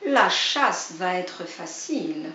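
A woman putting on a sly, hungry fox who sizes up his prey and growls with greedy impatience. He speaks slowly over a lively pitch. The storybook recording is muffled and roomy. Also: a little hiss or hum, full character voice. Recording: dull, roomy, distant recording.

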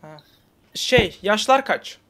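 A woman trolls strangers on a video chat, joking and bantering in a loose, slangy way. She puts on a mock magician's patter. Her voice sits at an ordinary middle pitch. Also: expressive, takes it slowly, a bit bright. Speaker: online video chat prankster.

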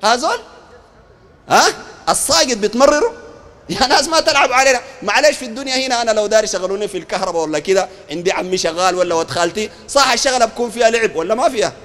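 A man with a Sudanese Arabic accent preaching a street sermon, animated and throwing rhetorical questions at his listeners. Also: high voice, racing, big-room sound. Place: outdoor market.

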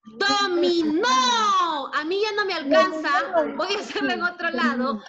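A woman's voice: very high-pitched, normal speed, highs cut off, over a noisy crowd. A woman teacher leading an online class for children, dictating words syllable by syllable and praising her pupils cheerfully. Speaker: primary school teacher.

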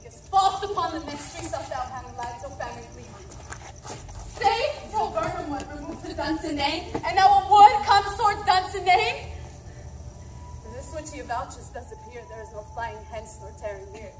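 A woman acts out a proud tyrant king facing his doom on a stage. He declaims in Shakespearean verse, veering between shouts and hushed murmurs in a high voice. The sound is distant and roomy, with faint noise behind. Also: normal speed, close to an everyday voice. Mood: desperate. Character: doomed tyrant king, proud, weary, defiant.

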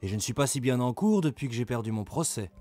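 A man voicing a brawny, furious medieval lord who speaks loud, coarse and vehement, with soft music behind. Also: mid-range voice, expressive, quick pace, natural voice. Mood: blunt.

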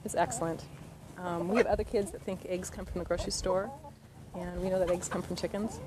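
A woman's voice: lowish voice, fairly even intonation, a little fast, a loud crowd. Chatty woman in an outdoor interview. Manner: chatty, many ums. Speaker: farm customer. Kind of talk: casual interview answers. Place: outdoors in a garden.

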